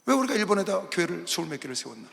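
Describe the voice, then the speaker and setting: A male pastor preaching a sermon, dramatic and swinging between loud bursts and quiet asides, in a large arena hall. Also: sits high, big pitch swings, racing, vocal fry. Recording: long arena hall reverb.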